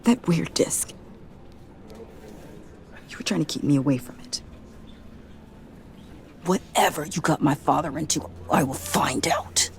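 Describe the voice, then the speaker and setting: Bereaved American daughter, wounded, bitter, some fry, game drama. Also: female voice, low-pitched, measured pace, long pauses, slight background noise. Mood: accusing. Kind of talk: video game drama acting.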